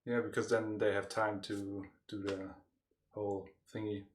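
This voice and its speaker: A man's voice: on the low side, little pitch movement, a little slow, slight background noise. A tired man co-hosting a casual livestream chat, laughing often and hesitating with lots of fillers. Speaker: podcast co-host and game developer.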